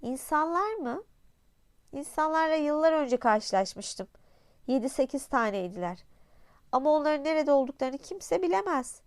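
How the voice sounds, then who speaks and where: A woman's voice: sits high, lively intonation, normal speed. A woman voicing a small desert flower who speaks in an offhand, knowing way.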